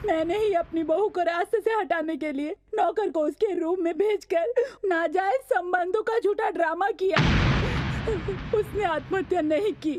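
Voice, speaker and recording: An actress dubbing a remorseful elderly mother in a film, who pleads tearfully and shouts out her confession. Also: very high voice. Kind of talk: Hindi film dub. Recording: movie soundtrack music behind voice.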